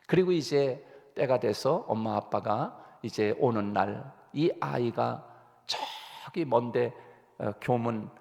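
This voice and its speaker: Gravelly-voiced pastor preaching in a church. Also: male voice, mid-range voice, expressive, slow pace, darkish tone. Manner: storytelling with rhetorical questions to the congregation; earnest, rising emphasis, frequent hesitations. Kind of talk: early-morning sermon. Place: church sanctuary. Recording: long church reverb.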